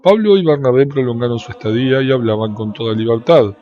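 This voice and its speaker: A man giving a measured, solemn scripture reading that lifts into a sung lilt at the ends of phrases. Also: mid-range voice. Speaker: Bible reader. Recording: dull, lo-fi with faint background noise.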